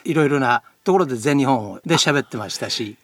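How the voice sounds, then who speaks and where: A man's voice: mid-range voice, lively intonation, fairly quick, fairly bright tone. A man from Japan speaking as a radio guest, explaining things politely in conversation. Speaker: radio guest, motorsport race announcer. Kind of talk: conversational interview.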